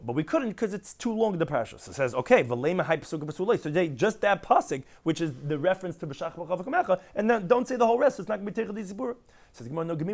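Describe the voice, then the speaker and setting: A man teaching a daily Talmud class, explaining each term in English with rhetorical questions. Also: a little high. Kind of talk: Talmud lecture mixing Hebrew and Aramaic terms with English explanation.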